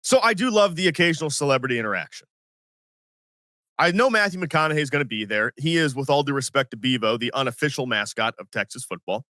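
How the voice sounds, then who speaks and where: A man in his forties hosting a sports podcast, telling stories in an animated, self-mocking way and acting out what others said. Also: mid-range voice, quick pace, dry recording, studio quality. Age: 40s. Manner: animated, self-mocking storyteller who acts out quotes. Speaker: podcast host. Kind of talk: casual sports podcast storytelling.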